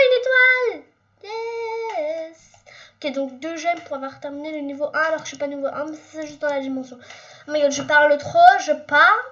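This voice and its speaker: A young woman with a high voice, talking excitedly over her gameplay as she plays. She chatters nonstop and breaks into sudden squeals. The home recording sounds a little dull, with keyboard clicks behind her. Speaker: gaming YouTuber. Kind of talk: casual gameplay commentary.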